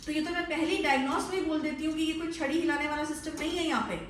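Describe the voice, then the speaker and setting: Indian woman, high voice, lecturing and scolding, very echoey room, distant from the mic. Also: fairly even intonation, racing, slight background noise. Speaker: spiritual healer. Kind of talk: direct-to-camera spiritual talk.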